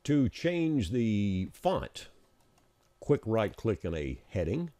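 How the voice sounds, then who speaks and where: A deep, mellow-voiced man acts as an instructor in a screencast-style voice-over, explaining each click of a software process in a casual, practical way. He speaks slowly with big swings in pitch, and the recording is dry.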